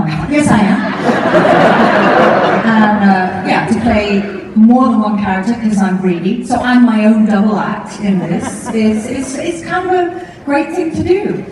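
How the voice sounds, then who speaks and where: A woman's voice: fairly high pitch, noisy background. A woman answering as a guest on a live panel, wry and self-mocking. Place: large arena theatre. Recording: echoey arena from far off.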